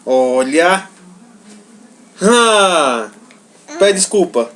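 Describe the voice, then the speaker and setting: A woman's voice: fairly low pitch, big pitch swings, extremely slow, a little hiss or hum, poor audio. Woman coaxing a toddler in sing-song. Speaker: caregiver filming a toddler. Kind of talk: home video talk with a small child.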